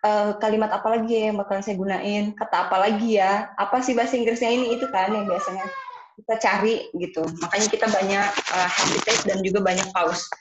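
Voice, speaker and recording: A woman's voice: mid-range voice, steady tone, fairly quick. A woman from Indonesia, an IELTS speaking teacher, explaining a lesson in a casual way, with hesitations and English terms mixed in. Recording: echoey room, dull sound.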